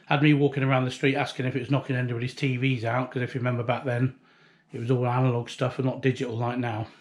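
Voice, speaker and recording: A quick-paced, mid-range male voice with little pitch movement belongs to a British hobbyist video maker in his fifties. He rambles casually through an unpolished show-and-tell, filmed on a handheld device outside beside a house while the wind blows.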